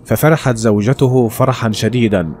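A man narrating a religious moral story in a steady, plain storytelling way, at times addressing listeners as friends. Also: medium pitch, moderate pace, slight background noise.

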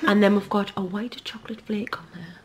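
A woman's voice: medium pitch, fairly even intonation, fairly quick, a loud crowd. A woman in her thirties with a Geordie accent, chatting casually to her camera at home in a rambling family vlog. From North East England. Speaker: vlogger, mother.

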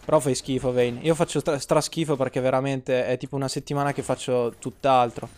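A man's voice: mid-range voice, steady tone, brisk, darkish tone. A man, streaming gameplay and ranting at his chat, swearing freely and teasing. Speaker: game streamer. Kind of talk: casual live-stream gameplay commentary.

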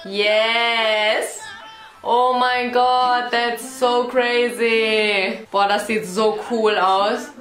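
A woman's voice: a little high, flat delivery, drawn-out words, a bit bright. Gushing woman reacting with echo. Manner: gushing, mixes English exclamations into her talk. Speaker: reaction video host. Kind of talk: excited reaction commentary. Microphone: headphones on, desk mic. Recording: roomy echo with faint music behind.

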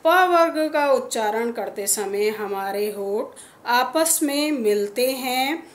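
A woman's voice: a little high, lively intonation, slow, echoey room, slight background noise. A woman teacher with a Hindi accent giving a classroom lesson, patiently sounding out letters one by one. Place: school classroom.

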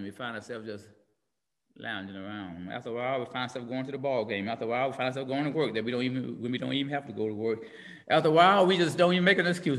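Preaching passionately from a blinds-lined home room, the middle-aged pastor speaks in a slightly high voice, alternating shouts with hushed near-whispers in a repetitive cadence. His video call webcam audio rings with long reverb.

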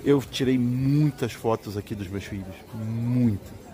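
Holding his phone camera, a middle-aged Brazilian man strolls through a big indoor swap meet, narrating casually over the noise of the busy market crowd. His voice is medium in pitch and a little slow.

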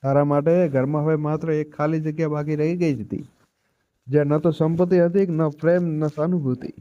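A gentle, patient old mother from a spoken storybook speaks with soft resignation, as a man reading the tale puts her on. Her voice sits slightly high for a man and sounds dark and mellow. The recording is dry, with a dull, muffled top end. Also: fairly even intonation, normal speed, close to an everyday voice. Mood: gentle sorrow.

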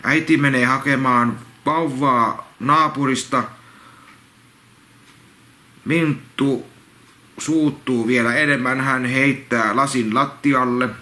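A man reading a children's picture book aloud, rambling into repetitive, halting asides and restarts. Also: medium pitch, fairly even intonation, pushed and bright. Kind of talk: casual read-along with rambling commentary. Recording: roomy echo, faint background noise.

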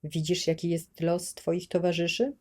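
A woman voicing a cruel, bullying male administrator who shouts threats at children, in an audiobook reading. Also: fairly low pitch, flat delivery, unhurried. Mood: menacing.

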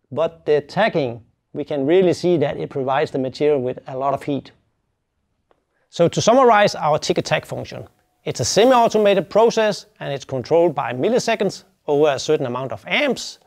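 A man in his fifties with a fairly high, slightly mellow voice explains a product step by step as a welding specialist. The instructional talk is plain and captured on a lapel mic.

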